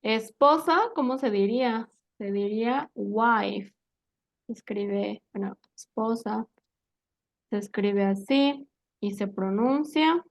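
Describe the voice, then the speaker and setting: A woman with a slightly high voice teaches English vocabulary. She is patient, asks her student questions and keeps checking they follow along with little tag questions. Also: takes it slowly. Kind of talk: live English vocabulary lesson.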